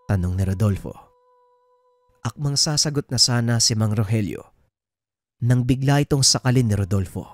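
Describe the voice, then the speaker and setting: A man narrating a true horror story in a steady, scripted way. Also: mid-range voice, normal speed, long pauses, no echo.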